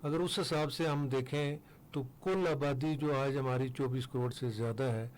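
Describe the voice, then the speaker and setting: An older man from Pakistan, a foundation head speaking as a guest in a radio studio interview, explaining steadily with pauses and fillers. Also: medium pitch, steady tone.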